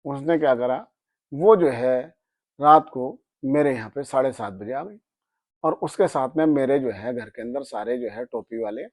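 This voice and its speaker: A man's voice: mid-range voice, moderate pace, no room sound, studio quality. A man telling a personal anecdote in casual speech, acting out the dialogue and raising his voice when angry. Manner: animated, acts out dialogue, voice rises when angry. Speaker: spiritual storyteller.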